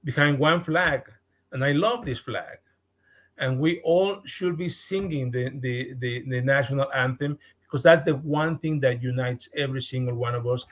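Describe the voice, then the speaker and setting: A man with a Mexican accent, a guest on a podcast, speaking earnestly and haltingly, often repeating words as he restarts. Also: mid-range voice, a bit bright. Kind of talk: podcast interview.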